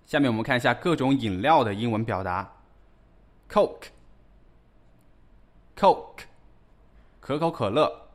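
A man's voice: mid-range voice, a bit bright. A man teaching English vocabulary in a scripted lesson, repeating each word carefully.

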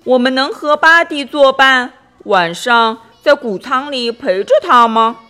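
Storybook kids, woman voicing two excited little girls, squeaky curious questions, soft music under. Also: a little slow, heavily acted. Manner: eager, curious high questioning.

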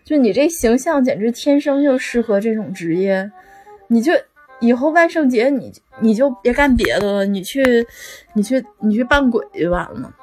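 An easygoing young student who is forever getting lost, as a woman puts him on in a story. He talks plainly and teases offhandedly, in a fairly high voice. Faint music runs underneath. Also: animated, normal speed, a little mellow. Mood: teasing.

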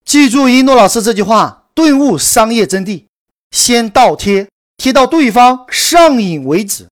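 A woman telling a promotional story in a brisk, emphatic scripted sales delivery. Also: fairly high pitch, expressive. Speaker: course promoter narrator.

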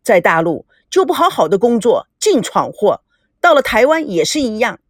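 A woman's voice: fairly high pitch, big pitch swings, normal speed, dry recording, clean studio sound. A woman voicing a stern, domineering old father who scolds his daughter. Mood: scornful. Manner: scolding, gruff.

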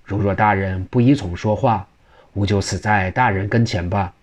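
Guy reading as a pushy scheming secretary begging his boss, low voice. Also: normal speed, close to an everyday voice. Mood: insistent. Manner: insistent, pleading. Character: cunning male secretary to an official.

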